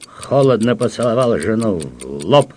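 A man narrating a humorous audiobook in a measured, deadpan storytelling manner. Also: lowish voice.

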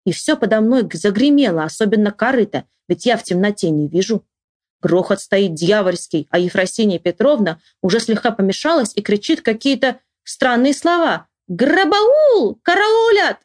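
A woman reading a children's story aloud to a child with lively, expressive storytelling, then asking the child about it. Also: a little high, no room sound, studio quality. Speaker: reader and teacher.

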